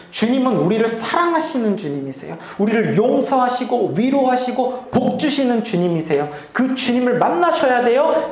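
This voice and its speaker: Pastor, sermon, lively swinging delivery, rhetorical questions to the congregation, echoey church sanctuary. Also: medium pitch.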